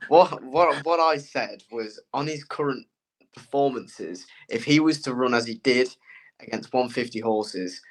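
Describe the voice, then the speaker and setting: A man co-hosting a casual horse racing chat, excitable and animated as he gives his opinions. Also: medium pitch, measured pace. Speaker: co-host and racing tipster.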